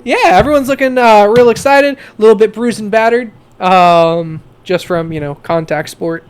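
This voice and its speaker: A man's voice: high-pitched, moderate pace, smooth. A man narrating as game master of a tabletop game, hesitant and full of fillers.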